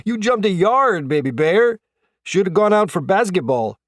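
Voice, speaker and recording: A man's voice: high-pitched, very animated, moderate pace, no room sound, clean studio sound, voice pushed up. A man playing a young rookie hockey player with a Wisconsin accent, teasing and laughing at a teammate.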